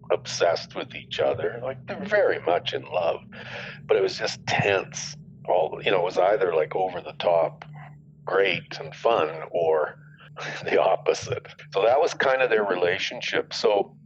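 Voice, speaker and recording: Middle-aged man, low-pitched, blunt and profane interview voice, lo-fi recording. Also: a bit bright, slight background noise. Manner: blunt, profane, heated retelling. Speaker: victim's father. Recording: dull lo-fi interview audio.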